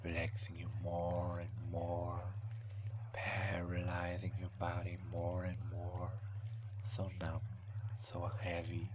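A man softly whispering a slow, soothing hypnotic relaxation and countdown, in a hushed, breathy, repetitive manner. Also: low-pitched, monotone. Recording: clearly audible background noise.

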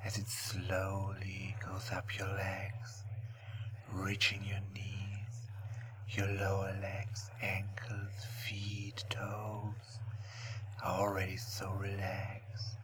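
A man speaking as a slow, soothing hypnotist in a hushed, breathy voice, guiding relaxation with long pauses. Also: sits low, completely flat delivery, background noise. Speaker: hypnosis recording narrator. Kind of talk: guided relaxation hypnosis narration.

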